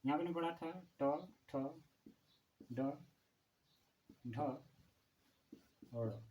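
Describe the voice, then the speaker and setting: A man teaching a Hindi grammar lesson for exam preparation, asking questions and answering them himself and repeating key terms slowly. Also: mid-range voice, darkish tone, a little hiss or hum, low-quality recording.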